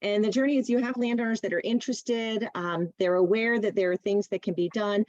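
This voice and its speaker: A woman's voice: mid-range voice, steady tone, brisk, a little mellow, no room sound, dull audio. A woman directing a nonprofit, giving a friendly, informative talk to a public meeting over a video call. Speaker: presenter, nonprofit executive director.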